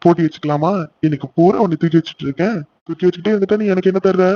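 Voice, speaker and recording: Brief: a man voicing a quick, doting young cartoon husband, mid-pitched, dull lo-fi audio. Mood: teasing. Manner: excited, teasing and affectionate. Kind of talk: cartoon voice acting.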